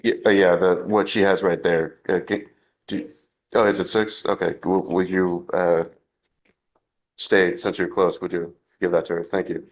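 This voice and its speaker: A man speaking as a defense lawyer in a courtroom recording, halting and restarting his phrases. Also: low-pitched, little pitch movement. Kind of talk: courtroom argument and questioning, courtroom recording.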